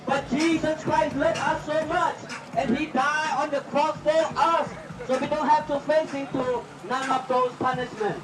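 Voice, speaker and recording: High-pitched male doomsday street preacher. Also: fairly even intonation, unhurried, hardly any pauses, a crowd in the background. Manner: loud, exhorting, repetitive warnings of judgment. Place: outdoors at a flea market. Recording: distant, echoey, noisy outdoor recording.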